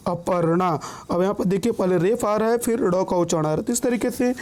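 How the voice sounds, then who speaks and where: A man teaching an online grammar lesson, patiently repeating each word and rule slowly and often checking in with his listeners. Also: high-pitched, darkish tone.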